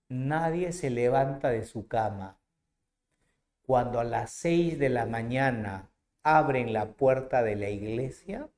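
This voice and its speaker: Slow, theatrical male teacher in an echoey room. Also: mid-range voice, darkish tone. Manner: theatrical, with rhetorical questions to the student. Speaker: literature teacher. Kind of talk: dramatized storytelling lesson.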